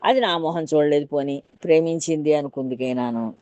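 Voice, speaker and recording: A woman's voice: sits low, brisk, mellow, no echo, lo-fi sound, natural voice. A woman voicing a condemned young male thief who muses aloud in a sorrowful way. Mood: wondering.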